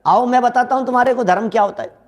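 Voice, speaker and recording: A high-voiced Jain scripture lecturer moves at a quick pace through an animated, conversational sermon, addressing listeners directly, repeating key lines, and sometimes acting out daily-life dialogue. The audio sounds dull.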